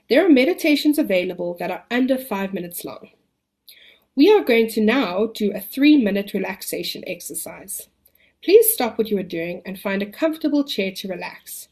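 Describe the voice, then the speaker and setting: A woman reading a scripted informational podcast on wellbeing in a measured, instructional way, as a presenter guiding listeners. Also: medium pitch, a little mellow. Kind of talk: scripted informational narration with guided relaxation.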